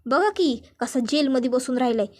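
Angry scolding middle-aged mother in a TV serial recap, read by a woman narrator; loud and high-pitched. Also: lively intonation, brisk. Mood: ranting.

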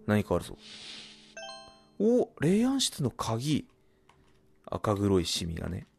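A man doing horror game commentary, muttering and reading game text aloud, then bursting into loud startled yelps. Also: fairly low pitch, wildly swooping pitch, slow pace, creaky, faint music behind. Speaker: let's play gamer.

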